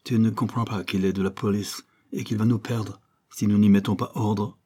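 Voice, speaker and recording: A man's voice: on the low side, little pitch movement, normal speed, dark tone, close to an everyday voice. A man voicing a menacing male crook with an English accent, sarcastic and threatening, in an audiobook.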